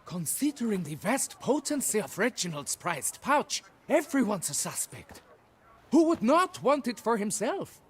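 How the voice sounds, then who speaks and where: A man's voice: sits high, sing-song, a little slow, slightly rough, exaggerated voice. A male actor playing a self-important, florid exhibition keeper in a video game, with theatrical delivery. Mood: solemnly pompous.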